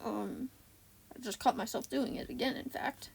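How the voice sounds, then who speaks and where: A woman's voice: on the high side, fairly even intonation, normal speed, a little hiss or hum. A woman talking casually in a voiceover, rambling and correcting herself, her voice a bit off today. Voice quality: gravelly fry in her voice. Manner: rambling, self-correcting, lots of ums. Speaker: beauty vlogger. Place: home, indoors.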